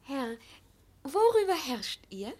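A woman's voice: sits high, sing-song, slow, a little mellow, full character voice. A woman playing an earnest, curious young boy prince in a children's audio drama, innocent and polite. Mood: timid, curious.

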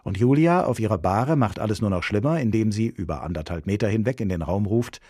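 Husky man reading a comic sketch. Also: on the low side, fairly quick, dry recording, studio quality. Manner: lively, theatrical delivery. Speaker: radio satire narrator. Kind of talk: scripted comic reading with acted voices.

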